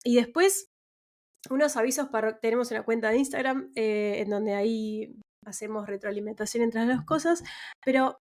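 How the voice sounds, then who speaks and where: A woman, a researcher speaking as an interview guest, chatty and lively. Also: a little high, normal speed. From Argentina. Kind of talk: casual interview.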